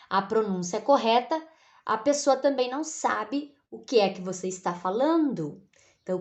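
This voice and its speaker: A Brazilian woman teaching a recorded lesson, patient and repetitive, checking in with the class after almost every phrase. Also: fairly high pitch. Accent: Brazilian Portuguese. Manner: patient, repeats tag questions like "né?" and "tá?".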